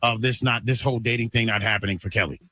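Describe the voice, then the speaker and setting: A man hosting a call-in radio show in a brisk, joking way. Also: medium pitch, steady tone, sharp tone, slight background noise.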